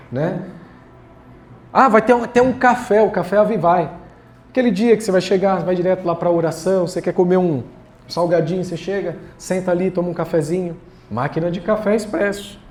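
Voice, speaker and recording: A man's voice: high-pitched, a little mellow. A man preaching a sermon as pastor, casual and joking, talking straight to the congregation. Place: church hall.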